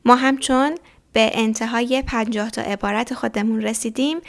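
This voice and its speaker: A woman with a slightly high, gravelly voice teaches a language lesson. She says each phrase clearly and repeats it slowly for learners to copy. Then she briskly explains what it means. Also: steady tone. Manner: clear, slow model repetitions then quick explanations. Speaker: French teacher.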